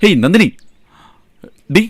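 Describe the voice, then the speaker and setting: A dub actor voices a young shop owner in film dialogue, a lover eager to please who coaxes and soothes his girlfriend. He speaks slowly and lightly acted, with no echo.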